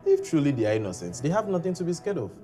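An actor playing a calm, firm male police detective, measured and authoritative. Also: fairly high pitch. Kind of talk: film drama acting. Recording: film audio with music bed.

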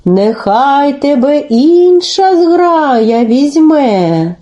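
A woman voicing a flock of aloof wild geese who answer slowly and dismissively. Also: high voice, sing-song, dark tone, lo-fi sound, heavily acted. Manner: slow, drawn-out, dismissive.

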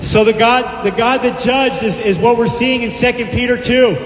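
A middle-aged man preaching a street sermon in a park through a handheld microphone and loudspeaker, declaiming scripture emphatically. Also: extremely high pitch, moderate pace, a little hiss or hum. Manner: emphatic, declaiming scripture with frequent praise interjections. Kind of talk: open-air street sermon. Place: outdoor park by palm trees. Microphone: handheld microphone through a loudspeaker, far camera. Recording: echoey amplified sound outdoors with hall-like reverb.

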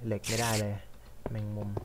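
A man's voice: a little fast, noisy background. A young man chatting casually and rambling while he plays a game, mocking himself and muttering at what happens on screen. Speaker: gaming vlogger. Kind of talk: casual chat while playing.

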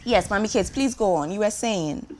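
A woman hosting a talk show, speaking in a reflective, measured way. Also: mid-range voice, expressive, a little mellow, a little hiss or hum. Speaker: radio host.

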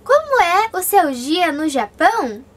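Young woman, from Brazil, very high voice, chatty vlogger, reads out viewer questions, casual Q&A. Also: big pitch swings, measured pace. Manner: chatty, reads viewer comments aloud then answers. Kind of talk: casual Q&A vlog.

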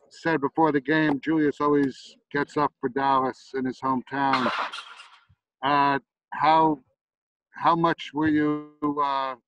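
A male reporter asking a basketball player questions over a video call, a bit halting as he asks. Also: mid-range voice. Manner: halting, repeats words while asking. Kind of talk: press conference question. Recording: dull audio, faint noise.

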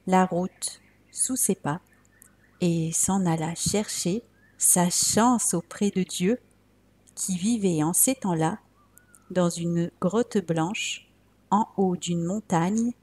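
Unhurried woman reading a tale aloud, soft and slow, some whispering. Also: lowish voice, slightly rough. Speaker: storyteller. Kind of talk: read-aloud fairy tale narration.

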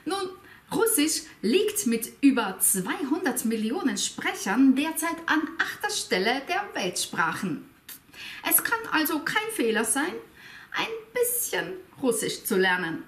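A woman hosting an educational video, explaining with a playful, expressive manner and asking viewers rhetorical questions. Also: high-pitched, a little slow. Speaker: language teacher and video host. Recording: echoey room, faint music behind.

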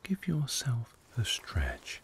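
A man guiding a meditation, speaking softly in a hushed voice that often drops to a whisper. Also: medium pitch, wildly swooping pitch, slow, a little hiss or hum. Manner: soft, hushed delivery, often slipping into a whisper. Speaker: meditation guide. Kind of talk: guided meditation narration.

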